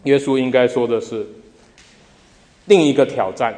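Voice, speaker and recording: A man's voice: medium pitch, normal speed, mellow. A man preaching a sermon as pastor, putting rhetorical questions to the congregation and repeating phrases for emphasis. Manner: emphatic repetition. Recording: long reverb of a large hall.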